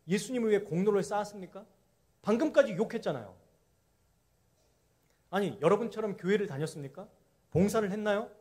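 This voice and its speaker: A man preaching a sermon at a summer camp, telling the story in an animated way and asking his listeners questions. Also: sits high. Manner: animated storytelling, acting out the criminals' voices; asks the audience questions and leads group Bible reading. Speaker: pastor.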